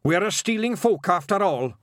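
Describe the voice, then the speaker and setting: A man's voice: high-pitched, lively intonation, fairly quick, fairly bright tone, no echo, clean studio sound, pitched above the performer's own voice. A man voicing a boastful little male pixie chieftain with a Scottish accent. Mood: gruff.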